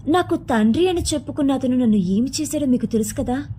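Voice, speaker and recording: Anxious pleading young mother as a woman narrator voices her, high voice, in a storybook reading. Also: expressive, fast, mellow, a little hiss or hum.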